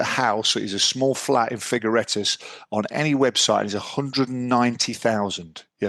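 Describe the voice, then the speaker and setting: A man's voice: on the low side, fairly bright tone, no echo. A man co-hosting a podcast in casual, matey, chatty banter. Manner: chatty, matey banter with frequent "mate" and "cheeky". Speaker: podcast co-host. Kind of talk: casual chat. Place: lives in Ibiza.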